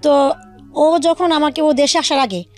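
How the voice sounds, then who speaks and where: Speaking unhurriedly in a high voice, a woman tells her life story as a radio interview guest while faint music plays. She recounts it in detail and acts out remembered conversations in her own voice.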